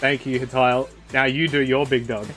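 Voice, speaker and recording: A man's voice: medium pitch, little pitch movement, fairly quick, fairly bright tone, soft background music. A man in casual, joking banter with friends.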